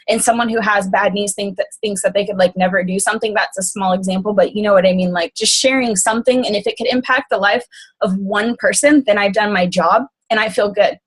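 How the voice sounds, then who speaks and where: A woman talking casually on a group call, rambling quickly with lots of fillers. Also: medium pitch, husky. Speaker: team call speaker.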